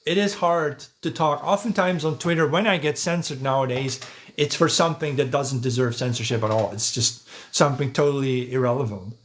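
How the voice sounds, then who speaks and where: Speaking briskly in a mid-range voice, a livestreamer and podcast host from the Netherlands, Dutch his first language, chats through a casual monologue while responding to chat comments. He's conversational, thinking out loud and tossing in "right?" and "yeah".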